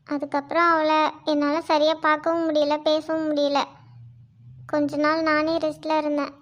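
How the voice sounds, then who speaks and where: A young best friend in a cartoon, voiced by a woman, chatty and quick with retorts in a high voice. The audio is dull and lo-fi. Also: close to an everyday voice. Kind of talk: Tamil cartoon voice acting.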